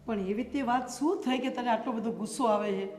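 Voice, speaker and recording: A coaxing middle-aged mother, played by a woman, talks in a mid-range voice. The room is echoey with a long reverb, and clear music plays beneath her. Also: a little high, brisk, close to an everyday voice. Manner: soothing, coaxing advice. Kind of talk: short-film family drama acting. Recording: echoey hall with loud music.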